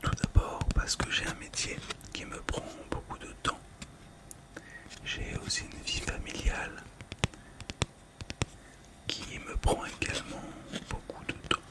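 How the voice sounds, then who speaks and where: An ASMR video maker, male, uses a breathy whisper to describe things in a gentle, unrushed, somewhat hesitant manner.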